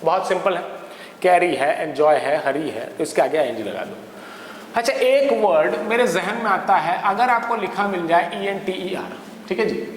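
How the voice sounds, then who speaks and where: A man's voice: high voice, expressive, normal speed, slight background noise. A man with an Indian English accent giving a grammar lesson, explaining step by step and checking in with his listeners. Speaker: English teacher. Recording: echoey hall, faint background ambience.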